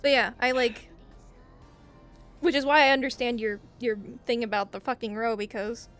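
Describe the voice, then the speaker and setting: A woman with a fairly high voice chats bluntly and swears freely. Faint music plays in the background. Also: normal speed, fairly bright tone. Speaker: roleplayer, medic player. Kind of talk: casual group chat.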